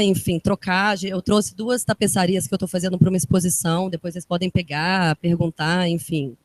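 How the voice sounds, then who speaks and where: Chatty and enthusiastic, a Minas Gerais-born fashion designer addresses a live audience in an event room, speaking in quick bursts with a Minas Brazilian Portuguese accent. Her voice is mid-range and the recording is dry.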